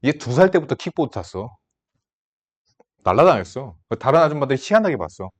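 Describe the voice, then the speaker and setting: Casual: guy teaching a math class, jokey big-brother vibe, really lively up-and-down voice. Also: medium pitch, brisk. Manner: casual, teasing, talks down to students like a big brother. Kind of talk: classroom lecture with side stories.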